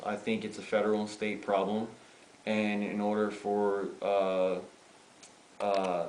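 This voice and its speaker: A man's voice: fairly low pitch, a little mellow, reverberant, slight background noise, poor audio. A man in his thirties from the Bronx, a graffiti artist chatting in a casual interview, rambling with many fillers. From the Bronx, New York. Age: 30s. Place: outdoors.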